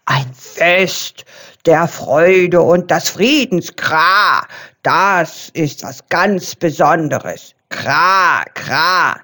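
A woman voicing a grumpy, know-it-all male raven who croaks between his sentences in a storybook reading. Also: lowish voice, expressive, very slow, bright, forceful tone, pitched below the performer's own voice, full character voice. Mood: gruff.

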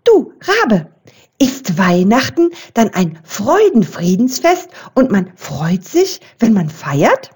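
A woman's voice: mid-range voice, wildly swooping pitch, slow pace, darkish tone, husky, full character voice. A woman voicing a small, chirpy and anxious little bird in a storybook reading. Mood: wistful.

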